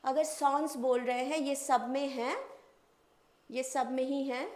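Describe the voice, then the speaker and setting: High-voiced woman teacher spelling words slowly. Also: fairly even intonation, darkish tone, echoey room. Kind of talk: exam-prep spelling lesson.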